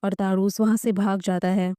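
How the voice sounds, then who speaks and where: A woman tells a dramatic story recap and voices each character's lines herself without changing her voice much. Her voice is warm, mellow and smooth. It is recorded close and dry, with no room sound. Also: medium pitch, flat delivery, normal speed, dry recording. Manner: reads all characters' lines in near her own voice. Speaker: story explainer narrator.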